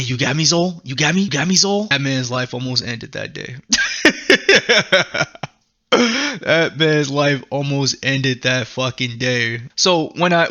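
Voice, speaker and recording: A man's voice: medium pitch, sharp tone, lo-fi sound. A man hosting an anime commentary, rambling profanely and laughing often in casual rant style. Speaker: commentary host.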